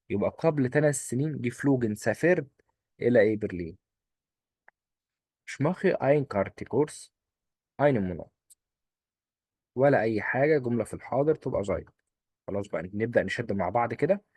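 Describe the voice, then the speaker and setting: A man with an Egyptian Arabic accent teaching a German exam-prep lesson, quizzing and answering his own questions in quick drills. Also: mid-range voice, darkish tone, dry recording. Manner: coaxing, repeats rules in quick drills.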